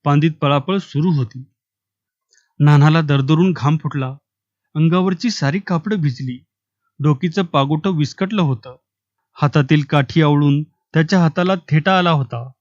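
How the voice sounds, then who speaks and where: Man narrating in a fairly high voice. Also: unhurried, darkish tone, dry recording. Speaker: storyteller. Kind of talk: Marathi short story narration. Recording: dry, slightly dull audio.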